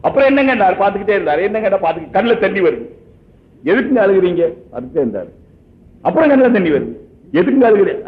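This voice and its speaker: A high-voiced man gives a religious talk, telling stories and firing questions at his listeners. The sound is thin and phone-like, and it rings in a roomy space. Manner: conversational storytelling with rhetorical questions. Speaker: preacher. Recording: echoey, tinny phone-like sound.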